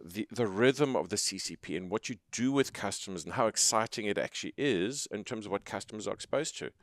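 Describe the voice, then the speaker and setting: A man's voice: fairly low pitch, lively intonation, brisk, no room sound. A man co-hosting a podcast interview in a conference room, talking into a headset mic in a casual, jokey, enthusiastic way. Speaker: podcast co-host.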